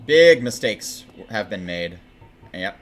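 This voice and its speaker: A man's voice: on the low side, sing-song, takes it slowly, faint music behind. A man chatting casually on his game stream, joking and laughing often. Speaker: livestreaming speedrunner.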